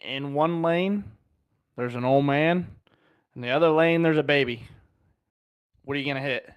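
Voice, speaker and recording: A man's voice: a little high, normal speed, smooth, no echo. A man in his thirties co-hosting a podcast, telling crude jokes in casual banter. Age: 30s. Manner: jokey, crude, animated. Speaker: podcast co-host.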